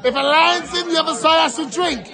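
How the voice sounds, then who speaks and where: A young British man hyping up a party like a rowdy party animal, shouting and swearing in casual chat to the camera. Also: very high-pitched, a little fast. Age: young adult. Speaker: party-goer explaining a drinking game to the camera. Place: party marquee. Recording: loud party music and crowd chatter.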